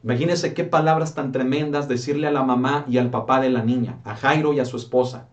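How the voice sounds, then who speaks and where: A male pastor delivers a sermon at a middle pitch. He preaches with rhetorical questions and keeps calling his listeners brother. His voice sounds set back from the microphone. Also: fairly even intonation, fairly quick, distant mic.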